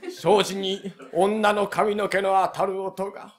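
A man playing a timid tenement dweller who tells a ghost story slowly and in a hushed tone, in rakugo comic storytelling. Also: high voice, flat delivery, pitched below the performer's own voice. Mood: hushed spooky. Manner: drawn-out, hushed spooky delivery.

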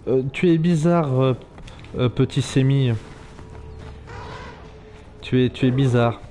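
A man's voice: medium pitch, slow, dark tone, slight background noise. A man streaming a live game, chatting loosely, cursing and talking to the animals he rides. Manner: chatty, swearing, talks to his animals. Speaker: let's play streamer. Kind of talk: live gameplay commentary.

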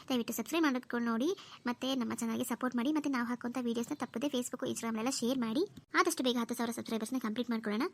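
A woman signing off her cartoon channel and asking viewers to subscribe. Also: sits high. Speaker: channel host. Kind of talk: channel sign-off.

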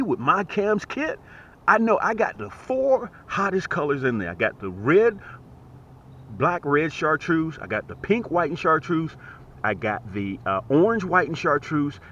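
Out on a lake in a small boat, early morning rain around him, a fishing channel host talks to viewers in a voice that's a little high and a little slow. He's excitable, repeats himself, and often lowers to a hush on the water. Audio from the boat-mounted action camera is dull and lo-fi, with faint noise from outside.

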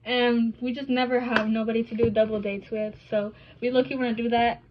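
A woman's voice: on the high side, flat delivery, a little fast. A woman co-hosting a couple's vlog, chatting casually and swearing easily while eating. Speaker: vlog co-host. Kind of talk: casual couple chat over food. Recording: muffled lo-fi recording, faint hiss.

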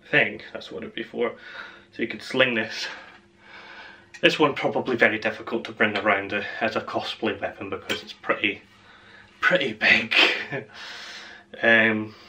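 A man's voice: fairly low pitch, steady tone, a little slow, pauses often, bright, forceful tone. A man hosting a casual unboxing vlog, rambling and chatty, often laughing at himself. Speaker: channel host.

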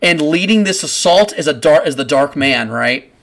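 A man's voice: fairly high pitch, expressive, moderate pace, creaky, fairly bright tone. A man narrating a tabletop game as game master over an online call, rambling casually with frequent restarts. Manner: rambling, many restarts and fillers.

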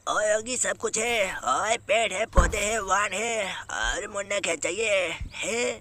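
A man's voice: high-pitched, slow, sharp tone, a little hiss or hum, full character voice. A man voicing a bossy older cartoon buddy who scolds and orders his friend around, acting over gameplay. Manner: bossy, scolding, starts lines with "aaye".

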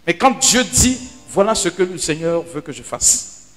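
Animated high-voiced priest preaching. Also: male voice, measured pace. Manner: animated storyteller, dramatic drops to hushed asides. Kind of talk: sermon teaching. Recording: hall reverb with faint music.

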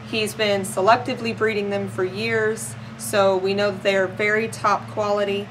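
A woman's voice: mid-range voice, noisy background. A woman, talking earnestly to camera in a casual farm vlog, recorded outdoors on a porch. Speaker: small farm owner and vlogger.

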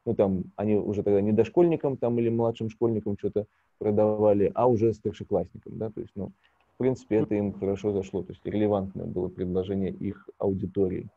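A man's voice: fairly low pitch, steady tone, quick pace, gravelly, dark tone, no room sound. A man, a business owner, talking casually as a guest on a video call, hesitant, with many fillers and chuckles. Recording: dull lo-fi call audio.

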